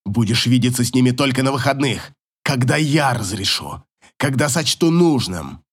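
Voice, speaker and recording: A cold, spiteful middle-aged ex-husband in an audiobook, gruff and venomous, as a male narrator plays him. His lines rise and fall with a lively pitch. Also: moderate pace.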